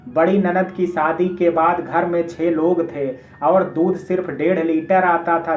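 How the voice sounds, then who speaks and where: A man narrating a family drama story in a steady, plain storytelling voice. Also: a little high. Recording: echoey room, tinny phone-like sound.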